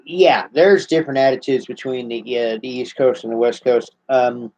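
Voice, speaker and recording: During a casual live Q&A chat from a small room at home, a man in his fifties from the United States responds to viewer questions from his armchair. He has a mid-range voice and a relaxed, halting delivery with frequent restarts, picked up at close range by a webcam whose lo-fi sound is slightly dull.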